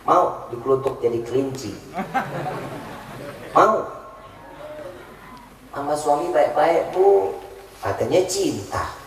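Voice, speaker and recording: Brief: male preacher, playful sermon, animated swings in pitch, booming echo from afar. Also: takes it slowly, long pauses, a little hiss or hum. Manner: joking, questions the crowd often. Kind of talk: humorous religious sermon. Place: large religious gathering. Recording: echoey hall, voice from far off.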